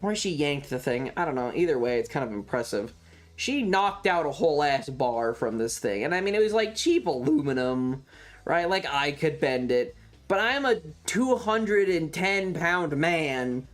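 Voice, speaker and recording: A streamer casually tells a story on his livestream, rambling and cursing in exasperation while acting out snippets of dialogue. His voice sits on the high side with a sing-song lilt, moving at a moderate pace over faint background music.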